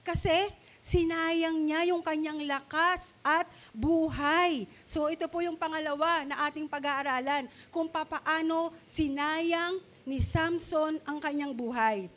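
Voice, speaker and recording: A middle-aged woman pastor giving an animated sermon, asking the congregation questions and mixing English words into Filipino. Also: sits high, takes it slowly.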